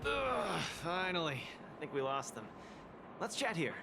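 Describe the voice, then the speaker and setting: An actor voicing a boisterous, eager young male fighting champion in a video game, with an excitable, cajoling delivery. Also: a little high, measured pace, creaky, full character voice. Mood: relieved. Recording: loud music under the voice.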